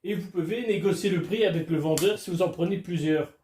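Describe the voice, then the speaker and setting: A man with a notably high voice talks casually to his camera while alone at home. His chat is loose, joking and full of crude asides. The room around him rings with a clear echo. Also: a little fast, darkish tone. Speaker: vlogger. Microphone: camera filming him.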